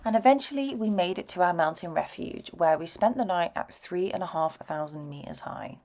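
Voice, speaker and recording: A young woman narrating her travel vlog in a relaxed, reflective voice-over. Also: lowish voice, a little fast. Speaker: vlogger narrating her trip.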